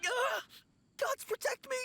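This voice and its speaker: An actor voicing a young, timid rookie undertaker who talks nervously and pleads in panic, in a game cutscene. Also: male voice, very high-pitched, sing-song, unhurried, very noisy, heavily acted. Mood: panicked.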